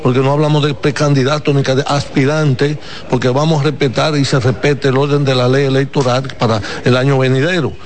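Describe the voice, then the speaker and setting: A man speaking for a party, explaining its position deliberately to reporters. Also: mid-range voice, level tone. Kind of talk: press statement.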